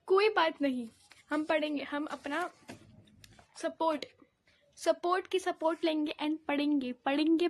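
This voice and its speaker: A teenage girl student ranting in a casual vlog, dramatic and exasperated, repeating herself as she complains. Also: sits high. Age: teens. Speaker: student vlogger. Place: at home while studying. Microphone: phone camera.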